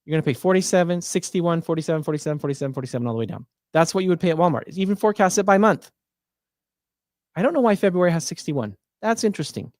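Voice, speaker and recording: Speaking fast and with lots of energy, this Medicare plan advisor has a higher-pitched voice with a darkish tone. He leads a livestream walking viewers through insurance options in a casual way, thinking aloud with fillers and restarts. The audio is clean and studio-like, free of echo.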